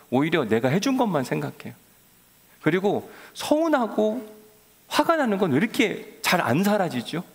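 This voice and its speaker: Male pastor, gravelly, sermon in a reverberant sanctuary, coaxing tone. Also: mid-range voice. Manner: coaxing, addresses congregation directly. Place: church sanctuary. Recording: long church hall reverb.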